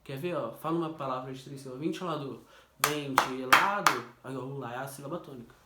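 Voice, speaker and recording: Sitting back from the mic in a spacious, echoey room, a male teacher runs a casual physics review, quizzing a student with jokes and stretched-out emphasized words. His voice is medium-pitched and the recording is very noisy.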